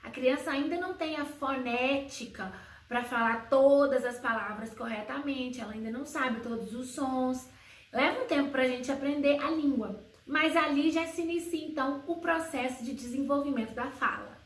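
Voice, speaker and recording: High-pitched woman teaching in a roomy echo. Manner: explains slowly, asks and answers her own questions; sings baby words in a high sing-song voice. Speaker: homeschooling educator. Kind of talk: educational video talk to parents. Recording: roomy echo, slightly far from mic.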